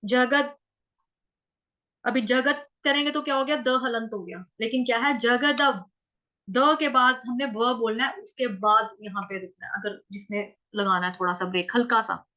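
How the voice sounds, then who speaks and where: High bright woman teaching verse chanting. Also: lo-fi sound. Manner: breaks words into syllables and repeats them slowly; slow, drawn-out chanting of verses. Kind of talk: Sanskrit recitation lesson.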